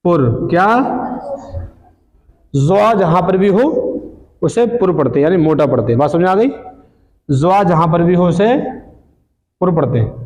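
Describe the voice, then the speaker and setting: A man's voice: high voice, a little mellow, dull audio. A man teaching Quran reading, patiently explaining rules and answering his own questions. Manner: patient, asks questions and answers them himself. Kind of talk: recitation lesson. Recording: long hall reverb.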